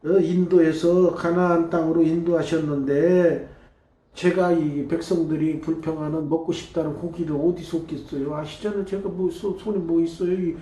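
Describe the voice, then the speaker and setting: Brief: man playing a weary prophet begging God for help, dark mellow voice, echoey church. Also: fairly high pitch, steady tone, moderate pace, close to an everyday voice. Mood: pleading. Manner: pleading, complaining, asks for agreement.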